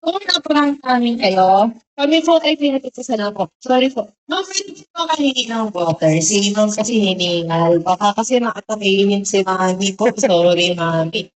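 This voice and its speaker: A woman's voice: mid-range voice, animated, moderate pace, low-quality recording. A woman hosting a surprise gift delivery who talks very politely, putting "ma'am" at the end of nearly every phrase.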